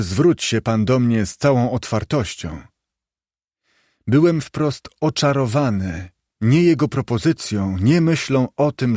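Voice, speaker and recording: A man reading the part of a humble, grieving clerk and father, in a warm and earnest tone. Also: medium pitch, no echo, clean studio sound.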